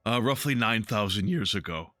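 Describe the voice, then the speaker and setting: A man voicing a slow, pompous male envoy in a video game, speaking in a low, deliberate tone. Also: expressive, sharp tone, dry recording, studio quality. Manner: slow and deliberate, a failed attempt at an accent.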